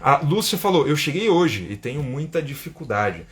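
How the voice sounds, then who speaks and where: A man's voice: fairly high pitch, very animated, moderate pace, a bit bright. Chatty Brazilian man teaching English live. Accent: Brazilian Portuguese. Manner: chatty, keeps asking "né?", reads viewer comments aloud. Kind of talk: live-stream English lesson. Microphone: phone or webcam for an Instagram live.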